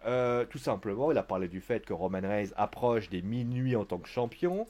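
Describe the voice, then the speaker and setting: A man's voice: lowish voice, expressive, moderate pace, darkish tone. A man giving a casual live-stream recap of a wrestling show, chatty and joking, with theatrical asides to his viewers.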